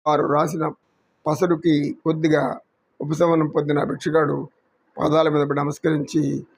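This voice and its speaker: A man with a Telugu accent, a yoga teacher telling a moral story in an unhurried, preachy way. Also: fairly high pitch, flat delivery, creaky, slight background noise.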